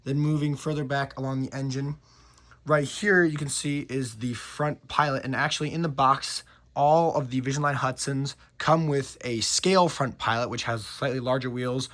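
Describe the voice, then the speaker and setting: Hoarse-voiced man hosting a hobby review, scratchy and upbeat, mid-pitched, casual delivery. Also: steady tone, normal speed, fairly bright tone. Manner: enthusiastic, with frequent fillers and restarts. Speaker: model train reviewer.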